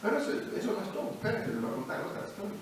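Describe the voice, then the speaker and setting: A man's voice: sits high, very animated, very fast, far from the mic, slight background noise. Preacher man in echoey church hall. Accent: Peruvian Spanish. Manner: storytelling, swings from quiet asides to shouted declarations. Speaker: pastor. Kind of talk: sermon with testimony.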